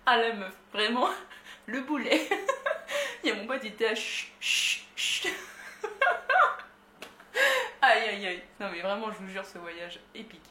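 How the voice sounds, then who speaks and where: A woman's voice: medium pitch, sing-song, a little slow, long pauses, bright, forceful tone, slight background noise. A young woman from France telling a story in a casual, slangy way, laughing often. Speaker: vlogger. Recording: roomy echo.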